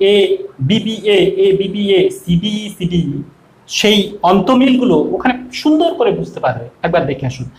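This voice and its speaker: Bengali male teacher, animated, high-pitched, explaining and drawing out words, echoey room. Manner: lively, sing-song, drawn-out recitation. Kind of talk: explaining a poem to students.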